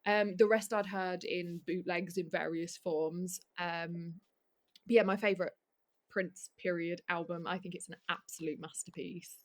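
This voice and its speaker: A woman's voice: lowish voice, fairly even intonation, unhurried. A woman chatting casually about music as a podcast panelist. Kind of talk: casual fan chat.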